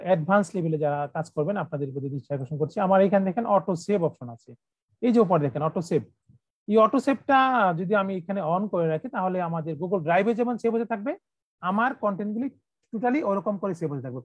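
A man from Bangladesh runs an online training session for teachers, talking quickly in a high voice. He walks through each step with repetitions and frequent "uh" fillers. The sound is dry, dull and lo-fi, like video call audio. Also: dry recording. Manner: instructive, repetitive, many "uh" fillers.

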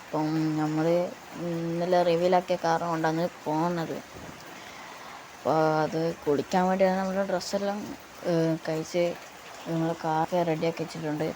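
A woman's voice: lowish voice, noisy background. Rambling woman gamer with a sore throat. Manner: rambling, filler-heavy, keeps addressing viewers. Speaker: gaming YouTuber. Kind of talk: casual gameplay commentary.

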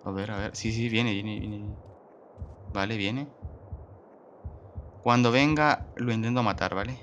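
A man's voice: on the low side, fairly even intonation, a little slow, a bit bright, slight background noise. A man giving let's play commentary, exclaiming often and talking straight to his viewers. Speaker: gamer host.

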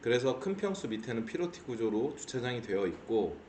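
A middle-aged man, host of an auction channel, giving a measured explanatory lecture that slows to stress key points. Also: mid-range voice, sing-song, a little mellow. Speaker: auction investor explaining cases. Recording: roomy echo, faint background hiss.

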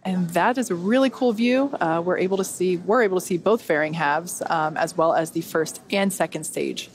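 A woman's voice: on the low side, normal speed. A woman hosting a launch webcast, giving conversational, explanatory live commentary. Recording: faint background noise.

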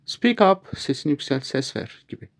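A man teaching a language lesson, saying English phrases slowly and clearly and then giving their meanings. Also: fairly high pitch, expressive.

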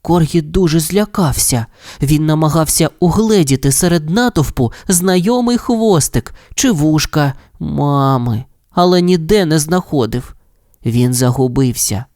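A narrator reading a children's audio fairy tale in an expressive, lilting storytelling voice. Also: mid-range voice, no room sound, studio quality.

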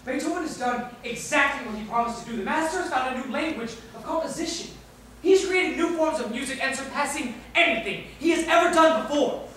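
An actress plays a devoted composer's secretary who pleads with urgent conviction, her voice set high. The sound comes from far across a very echoey theatre, with faint room noise behind. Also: brisk, fairly bright tone. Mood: pleading. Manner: pleading, urgent stage delivery. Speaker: actor. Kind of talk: stage play acting. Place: theatre stage.

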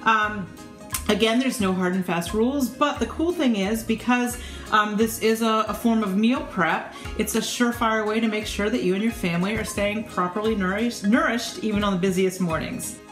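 A woman's voice: medium pitch, normal speed, fairly bright tone, soft background music. Chatty woman in an echoey kitchen. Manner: chatty, with many fillers and restarts. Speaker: nutrition educator. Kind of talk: casual cooking demo. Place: home kitchen, indoors. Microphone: camera in front, mid framing.

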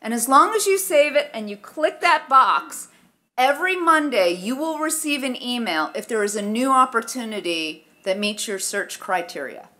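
Female presenter, middle-aged, forceful bright voice, slightly high, conversational how-to delivery at a podium mic. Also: expressive, normal speed. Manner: conversational, explanatory. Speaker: presenter, research office staff. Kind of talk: informal instructional presentation. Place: conference room, at a lectern. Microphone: gooseneck lectern microphone.

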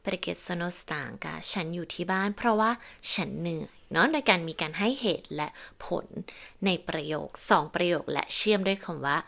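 A woman teaches a language lesson in a lowish, gravelly voice. She explains each point patiently and says her example sentences slowly, then repeats them. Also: lively intonation, a bit bright. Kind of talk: online grammar lesson.

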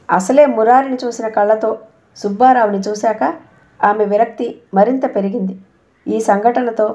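A woman narrating a novel as an audiobook reader, with steady, even storytelling. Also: medium pitch.

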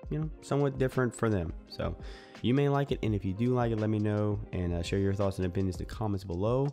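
A young man with a lowish, warm voice talks quickly and casually to the camera while reviewing a soap. He's chatty and easygoing, full of fillers and asides, recorded in a small room on a desk mic in front of him with soft music in the background.

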